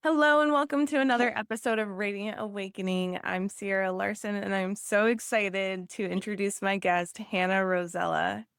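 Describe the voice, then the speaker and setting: A woman's voice: mid-range voice, fairly even intonation, moderate pace, gravelly, few pauses, smooth, no room sound, studio quality, soft background music. A woman hosting an interview podcast, upbeat and enthusiastic as she asks questions. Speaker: podcast host. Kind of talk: scripted intro then interview chat.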